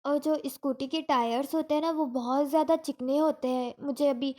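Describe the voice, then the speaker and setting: A woman's voice: sits high, fairly even intonation, brisk, dark tone. A young woman in casual vlog talk, telling a story in a shaken, rambling way with many restarts, still in pain after a fall. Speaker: vlogger.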